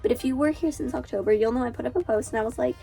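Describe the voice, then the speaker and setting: Here the congested teen girl speaks rapid-fire in a voice on the high side, gravelly yet warm in tone. Faint music sits behind her casual, "like"-heavy chatter as an author and booktuber.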